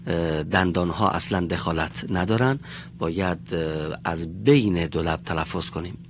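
Male pronunciation teacher, low voice, patient, drills sounds slowly. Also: a little hiss or hum. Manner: patient, demonstrates sounds slowly and repeats them. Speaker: Quran recitation teacher. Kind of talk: classroom pronunciation lesson.

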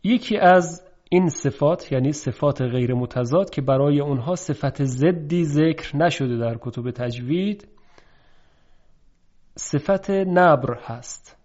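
Measured male tajweed teacher, lo-fi sound. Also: on the high side, warm tone. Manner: measured and explanatory, slows to demonstrate sounds. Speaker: Quran recitation teacher. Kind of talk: recorded tajweed lesson.

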